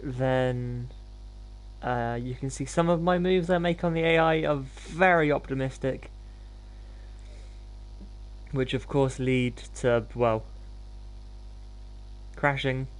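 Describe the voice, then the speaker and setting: A man's voice: medium pitch, slow pace, long pauses, clean tone. A man hosting a gaming livestream, talking in an informal, laid-back, self-deprecating way as he commentates. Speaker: live streamer hosting gameplay.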